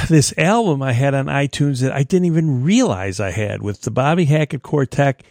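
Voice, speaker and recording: A man with a thin, reedy, slightly raspy voice, chatting and rambling casually as he hosts a music show on the radio. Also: medium pitch, a little mellow, no room sound, studio quality. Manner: chatty, rambling, chuckles often. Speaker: radio host. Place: radio studio.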